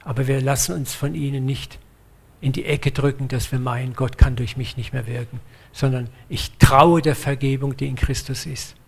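A man preaching a sermon in a lively, blunt way, acting out the voices of the people he quotes. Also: mid-range voice, moderate pace, vocal fry, breathy edge.

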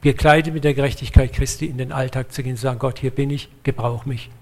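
A man preaching a sermon in a lively, blunt way, acting out the voices of the people he quotes. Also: medium pitch, fast, slight background noise.

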